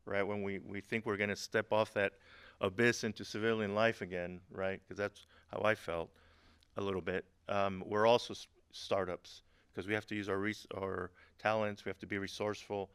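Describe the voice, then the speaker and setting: A middle-aged Honduran man speaking for a government agency gives a webinar presentation, halting often with fillers and restarts and slipping in light humorous asides. His fairly low voice is clear and resonant, a bit bright, with no room sound.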